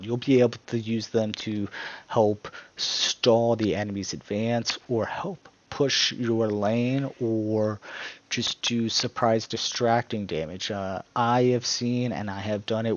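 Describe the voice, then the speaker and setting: Male gaming guide voice, lowish pitch, slightly muffled recording, casual and meandering. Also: dry recording. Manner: rambling, self-correcting, breaks into laughter at his own jokes. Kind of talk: casual gameplay tutorial.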